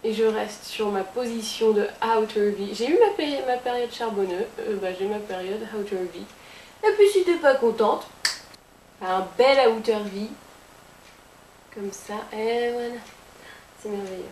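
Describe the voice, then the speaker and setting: A woman's voice: medium pitch, animated, unhurried, a little mellow. A woman giving a casual makeup tutorial as a beauty blogger, chatty, with playful asides to her viewers. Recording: roomy with faint hiss.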